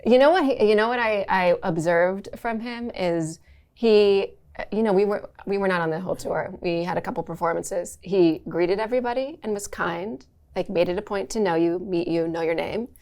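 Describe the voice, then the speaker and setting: A woman's voice: mid-range voice, normal speed, darkish tone. A woman being interviewed, answering in a reflective, conversational way. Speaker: interview guest, brand executive.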